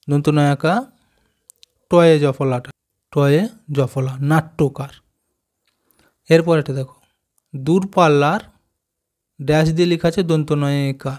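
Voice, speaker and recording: Male teacher, slightly high voice, slow patient syllable-by-syllable explaining for kids. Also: darkish tone. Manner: slow, syllable-by-syllable explaining with frequent check questions. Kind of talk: explaining a children's reading lesson.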